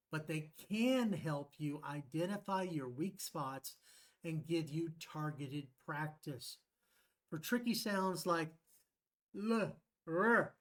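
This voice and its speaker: A man, an English professor, presenting a playful scripted video lesson. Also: on the high side.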